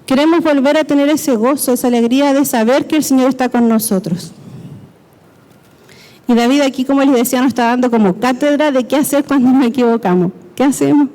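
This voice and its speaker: A woman's voice: high-pitched, mellow. A woman preacher, giving a sermon and explaining step by step, often checking in with the congregation. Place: church hall. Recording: long hall reverb.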